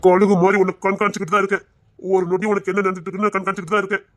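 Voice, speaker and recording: A man's voice: high-pitched, level tone, rapid-fire, a bit bright, no echo. A young man acting a devoted lover who soothes and reassures his frightened partner in a romantic drama. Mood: reassuring. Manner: tender, soothing, insistent.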